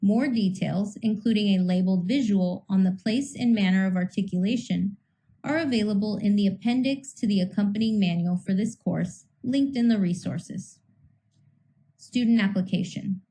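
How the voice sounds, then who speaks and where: A woman reading a scripted teaching lecture in a measured way, slowing down to sound out individual speech sounds. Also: medium pitch, mellow, low-quality recording. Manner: measured, slows to sound out phonemes. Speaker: instructor.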